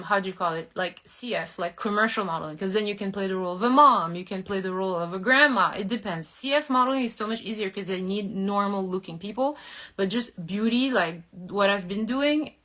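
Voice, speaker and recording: On her casual live stream, a model and host from Korea in her thirties talks with viewers openly, rambling a little and poking fun at herself. She has a mid-range voice with a fairly bright tone.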